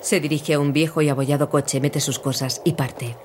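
A narrator reading scripted audio description in an even, neutral voice. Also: medium pitch, normal speed, a little hiss or hum.

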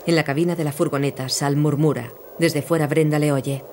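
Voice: mid-range voice, a little fast, background noise. Neutral audio description narrator. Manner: even, neutral.

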